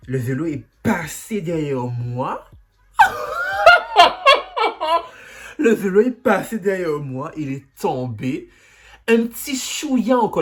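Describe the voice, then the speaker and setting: Male vlogger, animated storyteller, lively pitch, dramatic sound effects. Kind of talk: storytime vlog.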